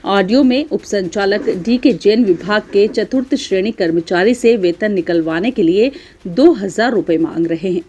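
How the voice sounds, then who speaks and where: Lady reading the local news, steady and formal, middle pitch. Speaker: news reader. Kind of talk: scripted news narration.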